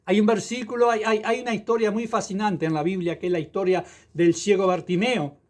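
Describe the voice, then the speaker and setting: A male evangelist with a fairly high voice delivers a passionate sermon. He drops hallelujahs between his phrases as he preaches. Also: fairly even intonation, fairly quick. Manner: fervent preaching with interjected hallelujahs.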